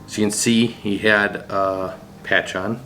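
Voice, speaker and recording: A man's voice: on the low side, level tone, unhurried, sharp tone, faint music behind. A man explaining on a family vlog in a plain, casual storytelling way. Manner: plain explaining, with ums and asides. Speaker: vlogger, father.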